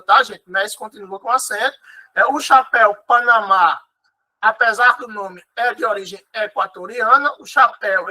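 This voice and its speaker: A man's voice: high voice, bright, forceful tone, rough recording. A Brazilian man teaching an online exam-prep lesson. He explains patiently, repeats key words and keeps checking in with his students.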